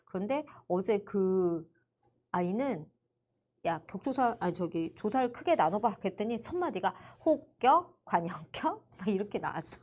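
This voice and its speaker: A woman teaching a live online literature class, chatty and playful as she teases her students. Her pitch swings up and down in lively jumps. Her casual, quick back-and-forth keeps the class moving. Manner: chatty, teasing, lively, quizzes students by name. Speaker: Korean literature tutor. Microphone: computer mic for a livestream.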